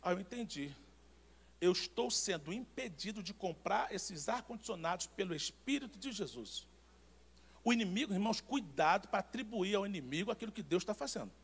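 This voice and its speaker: A Brazilian pastor preaches a sermon with a Brazilian Portuguese accent, telling personal anecdotes in an animated, emphatic style and repeating words. His voice is high, husky, and fairly quick.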